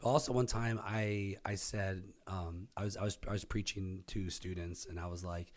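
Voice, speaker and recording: A man who preaches, chatting casually on a podcast and backing up his cohost with quick yeahs. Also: deep voice, fairly even intonation. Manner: easygoing, quick affirmations. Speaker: pastor.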